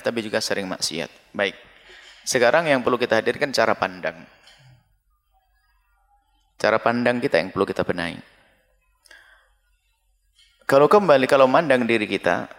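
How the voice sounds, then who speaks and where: A man preaches in a large hall, his voice bright and ringing and carried by a long reverb. His pitch sits fairly high and swings widely as he makes his points. His delivery is animated. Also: moderate pace, long pauses. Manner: animated, with sharp leaps in pitch. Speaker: Islamic preacher answering questions. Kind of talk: sermon with audience questions. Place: large hall with a live audience.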